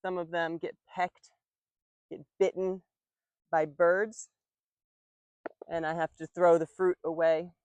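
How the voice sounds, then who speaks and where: A woman teaching English slowly and clearly while working in her garden. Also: lowish voice, flat delivery, a little mellow, dry recording. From United States. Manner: slow, clear, patient explaining. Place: outdoor garden, rooster in background.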